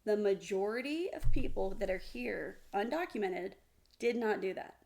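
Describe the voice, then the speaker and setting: A woman's voice: medium pitch, expressive, moderate pace, vocal fry, a little mellow. A woman co-hosting a podcast, in a casual debate, insisting on her point and explaining by analogy. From United States. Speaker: podcast co-host.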